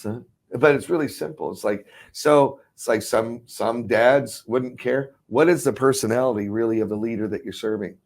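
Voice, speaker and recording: A man's voice: medium pitch, a little mellow. A man teaching about ministry in casual chat, rambling with restarts and frequent chuckles.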